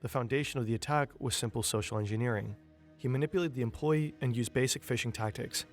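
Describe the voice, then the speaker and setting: A man's voice: medium pitch, fast. Man narrating a documentary over music. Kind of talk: scripted narration. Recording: music bed behind narration.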